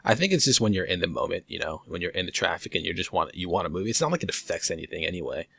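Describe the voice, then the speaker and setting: A young man with a very low voice, talking casually on a podcast. He lays out his point at length with plenty of "like" and "you know". The recording is dry and close. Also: lively intonation, racing, creaky, fairly bright tone, husky, dry recording. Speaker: podcast co-host. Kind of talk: casual chat.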